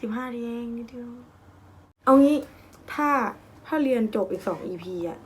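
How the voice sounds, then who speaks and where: A woman's voice: a little high, fast, mellow, breathy edge. A young woman chatting casually in a home vlog, thinking aloud and joking about herself. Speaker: vlogger.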